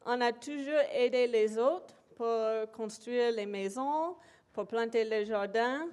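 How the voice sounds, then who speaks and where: Her presentation is slow and hesitant, peppered with pauses and fillers, as this native English-speaking woman addresses a lecture hall as an invited academic speaker. The voice is fairly high-pitched, with a darkish yet clean tone.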